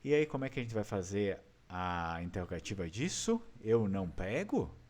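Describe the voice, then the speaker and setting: A man's voice: on the low side, big pitch swings, moderate pace, a little mellow. A man with a Brazilian Portuguese accent teaching an online class, patiently explaining step by step and quizzing his students. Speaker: language teacher.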